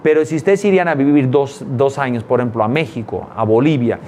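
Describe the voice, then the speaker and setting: A man teaching a course, talking emphatically, repeating words for stress and checking in with quick tag questions. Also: mid-range voice, darkish tone, a little hiss or hum. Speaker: business culture instructor. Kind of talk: explanatory talk to students.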